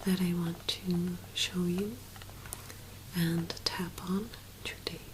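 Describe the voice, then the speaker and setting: A woman speaking in a soft, hushed whisper, gently presenting an ASMR tapping video. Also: on the low side, flat delivery, takes it slowly, background noise.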